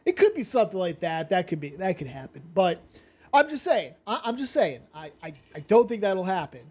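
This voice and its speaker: A man's voice: high-pitched, big pitch swings, fairly quick, a little mellow. A man hosting a casual commentary stream, rambling and blunt, swearing freely and sounding drowsy from medication. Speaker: commentary channel host.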